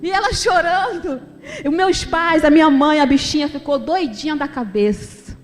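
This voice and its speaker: A woman's voice: high-pitched, moderate pace, big-room sound, soft background music. A middle-aged woman giving an emotional, conversational church testimony to the congregation. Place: church sanctuary.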